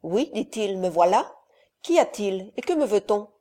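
A woman reading the part of a young son who answers politely and softly, taken by surprise. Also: medium pitch, sing-song, moderate pace, natural voice. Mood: polite, surprised. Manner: polite and soft-spoken. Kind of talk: audiobook character reading.

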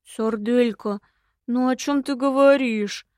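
Brief: a woman reading a sly, whiny young husband, drawn-out sulky delivery, dry close sound. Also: a little high, fairly even intonation, a little mellow, dry recording. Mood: sulky, snide. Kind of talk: audiobook dialogue.

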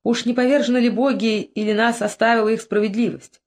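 A reader voicing a young Greek man who is jealous and furious, shouting threats in an audiobook. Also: mid-range voice, fairly even intonation, fairly quick, voice pushed up, lightly acted. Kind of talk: audiobook character voice.

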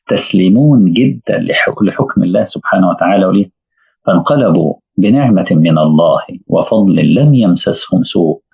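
Gravelly Egyptian preacher, phone-like sound. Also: male voice, low voice. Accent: Egyptian Arabic. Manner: storytelling with rhetorical questions. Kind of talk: religious lesson. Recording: tinny phone-like audio.

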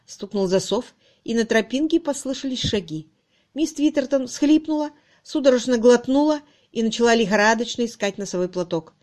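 A woman narrates a novel in a measured, expressive reading. Her voice sits a little higher than most women's. It is a plain studio recording with nothing behind it. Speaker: audiobook narrator. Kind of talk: scripted narration.

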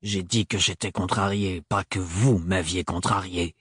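A man voicing a stern, cold administrator in an audiobook reading, speaking in a curt monotone. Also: sits low, unhurried, husky, no room sound, studio quality, pitched below the performer's own voice.

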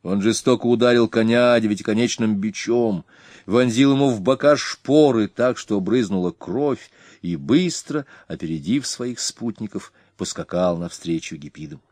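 A man narrating a historical story aloud in a dramatic, expressive reading. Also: lowish voice, normal speed, dry recording. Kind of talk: audiobook narration of a historical tale.

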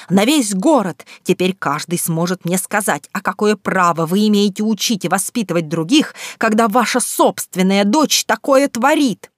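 A woman voicing a furious middle-aged father, a school principal, who shouts and rebukes in a storybook reading. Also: mid-range voice, no echo, clean studio sound, natural voice.

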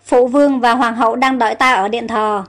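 A woman's voice: on the high side, fairly even intonation, fairly quick, soft background music, lightly acted. A woman voicing a young prince who speaks affectionately and courteously. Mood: tender. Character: tender young prince in love.

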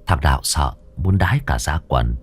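Deep-voiced man telling a ghost story. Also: moderate pace, slightly rough. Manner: lively, dramatic, acts out characters.

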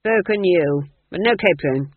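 A man's voice: fairly high pitch, normal speed, dry recording, lightly acted. A man voicing a cold, scheming middle-aged duke, clipped and dryly sarcastic, on tinny audio.

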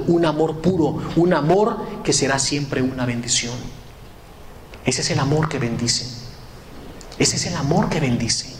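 A man preaching a sermon in Spanish, emphatic and repetitive, building to fervent peaks and dropping to hushed moments. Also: medium pitch. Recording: echoey room with faint ambient noise.

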